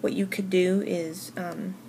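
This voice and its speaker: A woman hosting a casual, unscripted craft tutorial, talking informally and haltingly as she thinks aloud. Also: on the low side, level tone, warm tone. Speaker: hobby video host. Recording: noisy home recording.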